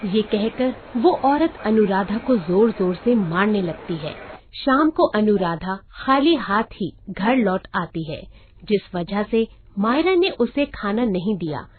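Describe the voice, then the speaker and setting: A woman narrating a cartoon story in a steady storytelling manner. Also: mid-range voice, takes it slowly, husky. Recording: tinny phone-like sound.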